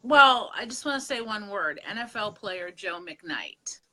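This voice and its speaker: A middle-aged woman from Pennsylvania co-hosting a casual vlog conversation, candid and animated. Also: medium pitch, unhurried. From Pennsylvania, USA. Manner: candid, animated storytelling with laughs. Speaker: co-host.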